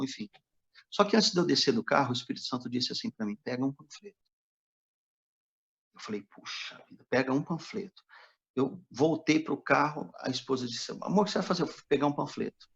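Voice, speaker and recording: Pastor, male, gravelly, storytelling testimony, quotes dialogue himself, muffled lo-fi sound. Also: medium pitch, a bit bright. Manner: narrates dialogue, quoting others in his own voice. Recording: dull lo-fi recording.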